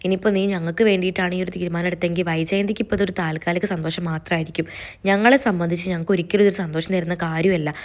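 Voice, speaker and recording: A woman voicing a gentle, grieving father who questions his daughter softly. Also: lowish voice, fairly even intonation, fast talker, close to an everyday voice.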